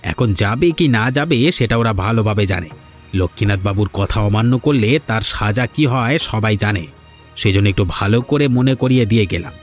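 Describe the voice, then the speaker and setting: In a village cartoon, a man voices the landlord's sly, insolent errand man, taunting and insinuating in a needling mood. His voice is lowish, fairly quick and close to how he normally talks, with music behind it.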